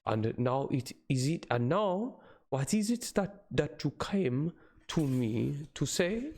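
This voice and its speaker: A man's voice: fairly high pitch, sing-song, slow, vocal fry, a little mellow, voice pushed up, full character voice. A man voicing a grave, anxious elderly professor in a hammy dramatic reading of a storybook. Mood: grave, reassuring.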